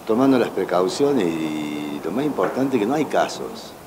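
A man's voice: deep voice, very animated, measured pace. An older man, a café customer speaking earnestly to a reporter's handheld mic. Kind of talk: street interview. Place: indoors at a café table by the window. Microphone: reporter's handheld mic held close. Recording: noisy café background.

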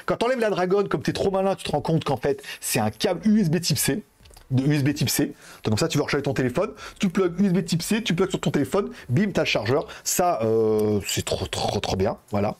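Speaking briskly and with animation, this young man has a somewhat high voice with a darkish tone. He runs a live-stream giveaway, talking straight to viewers in a loose, rambling way full of fillers.

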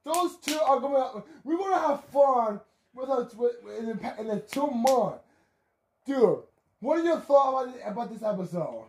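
A man's voice: very high voice, very animated, normal speed, darkish tone, a little hiss or hum. A man hosting a watch-along stream, chatting casually and rambling with many restarts. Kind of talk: casual reaction chat.

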